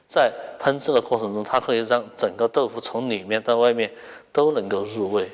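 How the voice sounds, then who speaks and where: A man's voice: mid-range voice, brisk, slight background noise. A man explaining a cooking technique step by step, as a cook in an interview. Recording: long reverberant room echo.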